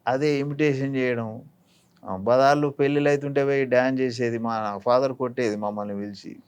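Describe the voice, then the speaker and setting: His mid-range voice is smooth, a little mellow, and steady, moving a little fast. He's a middle-aged or older actor with a Telangana Telugu accent, reflecting in an interview and teaching through examples.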